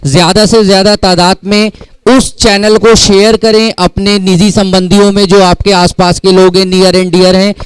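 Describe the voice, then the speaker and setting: Man, cricket match announcer, high pitch, crisp clear voice, polite appeals. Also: dry recording, poor audio.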